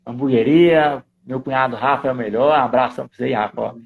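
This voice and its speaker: A man with a Brazilian Portuguese accent, a driving instructor and co-host, chatting in an animated, jokey way during a live stream and reading out viewer comments. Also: mid-range voice, fast talker, creaky. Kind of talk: casual chat in a live stream.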